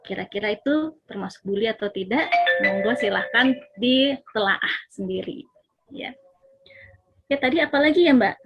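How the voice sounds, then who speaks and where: A woman's voice: mid-range voice, expressive, moderate pace, muffled recording, soft background music. A woman speaker explaining parenting in an online seminar, asking her audience questions as she goes.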